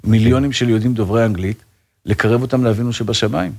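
A rabbi talking in an interview, earnest and fervent, with frequent religious phrases and restarts. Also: male voice, medium pitch, steady tone, vocal fry, a little mellow. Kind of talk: casual interview talk.

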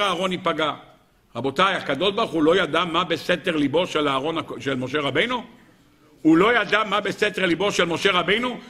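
A high-pitched man delivers a lively Torah lecture to an audience, acting out quoted dialogue and posing rhetorical questions.

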